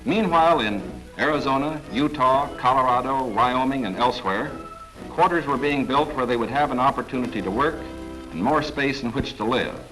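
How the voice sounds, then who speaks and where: A man giving formal, measured 1940s government newsreel narration. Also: mid-range voice, poor audio. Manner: formal, measured, authoritative delivery. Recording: narration over clear background music.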